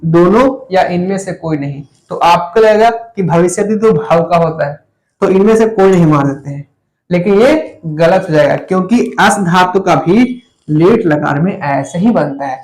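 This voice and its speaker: A man teaching Sanskrit grammar in an online lesson, explaining step by step and repeating key words back to students as questions. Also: high voice.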